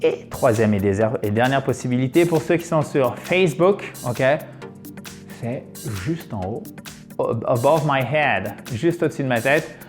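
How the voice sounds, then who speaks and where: A man teaching an English grammar lesson on video, lively and chatty, often checking in with his viewers. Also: medium pitch, unhurried, soft background music.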